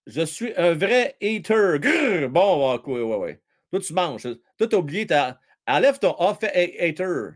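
A man with a Quebec French accent hosting a live hockey stream, commenting on the game and chatting with viewers in a slangy, excitable way. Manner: excitable, chatty, slangy, swings between shouting and low asides. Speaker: hockey livestream host.

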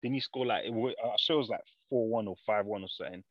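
A man's voice: lowish voice, fast, no echo, muffled recording. A young man with a London roadman accent in casual football chat with friends, repeating his phrases as he makes his point. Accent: London roadman, multicultural urban slang.

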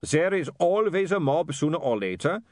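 A man voicing an excitable, fretful man who chatters on. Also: a little high, normal speed, no room sound, studio quality, pitched above the performer's own voice. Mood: flustered.

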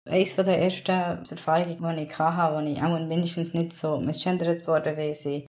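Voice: mid-range voice, flat delivery, normal speed, a little mellow. A young adult non-binary vlogger, talking candidly in a rambling personal vlog with many fillers. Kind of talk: casual personal vlog monologue.

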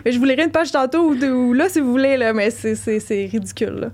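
A woman's voice: a little high, fast talker, darkish tone. A woman with a Quebec French accent, a podcast guest in casual chat who often laughs through her words.

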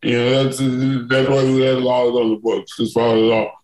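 A man's voice: mid-range voice, flat delivery, normal speed, darkish tone, echoey room, low-quality recording. A man from Buffalo, New York, a guest on an interview podcast, talking emphatically and repeating words as he restarts. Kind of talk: conversational interview.

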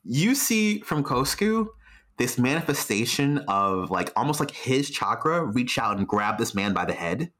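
A man narrating as game master of a tabletop game, slow and hushed in the dramatic parts. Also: medium pitch, very animated.

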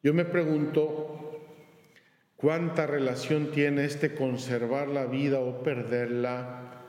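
A male priest giving a homily with slow, earnest storytelling. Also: mid-range voice, a little mellow. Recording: roomy church reverb.

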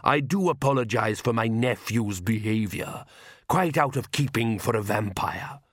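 A man voicing an ancient, courtly male vampire count who speaks slowly and with refined calm. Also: fairly low pitch, dry recording, clean studio sound. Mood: wistful. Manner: slow, refined and unhurried.

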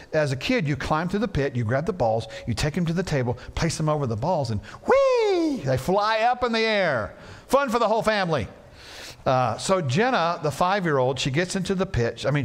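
A male pastor preaching a sermon in a church, telling a story with playful asides. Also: on the high side. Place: church sanctuary.

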